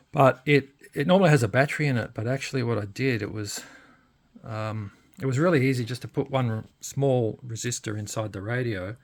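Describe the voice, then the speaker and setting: A hobbyist demonstrates radio equipment in a casual, unscripted, hands-on way, hesitant and thinking aloud as he goes. He has a mid-range voice with vocal fry.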